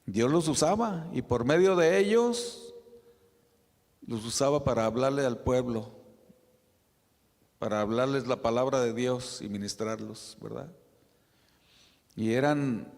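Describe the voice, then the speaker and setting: A man preaching a sermon as pastor, in a conversational style with frequent tag questions and soft asides. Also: medium pitch. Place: church sanctuary. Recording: reverberant church hall.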